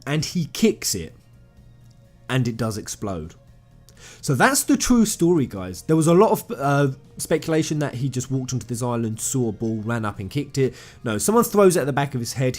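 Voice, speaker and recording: Speaking as a video game commentator, a man with a medium-pitched, slightly mellow voice retells a story for his viewers. The tone is informal and eager, full of stressed and repeated phrases, over background music.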